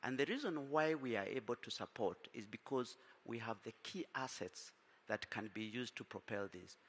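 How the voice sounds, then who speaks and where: A man's voice: medium pitch, animated, normal speed, fairly bright tone, husky. A man speaking as a panelist, businesslike, with many fillers and restarts. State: tired from little sleep. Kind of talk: panel discussion answer. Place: conference hall. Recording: reverberant conference hall.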